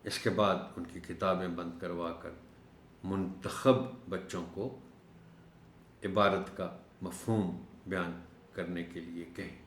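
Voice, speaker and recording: A man teaching a recorded lesson for teachers, explaining words slowly and drawing out the key ones. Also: low voice, level tone, a bit bright, echoey room, a little hiss or hum. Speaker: teacher trainer.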